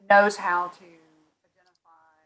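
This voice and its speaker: Woman board member with a bright, tense edge, heard over a fading, dropping call connection. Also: medium pitch, little pitch movement, takes it slowly, poor audio. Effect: breaking-up call line that fades in and out. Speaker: fire district board member. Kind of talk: remote board meeting discussion.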